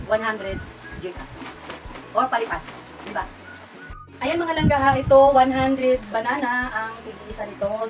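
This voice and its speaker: A Filipino woman vlogger hosting a giveaway raffle, talking casually to her viewers with playful teasing and excited squeals. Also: on the high side. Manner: chatty, excited squeals at each winner, playful self-teasing. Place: hot room indoors. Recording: mic at a distance, music playing loud.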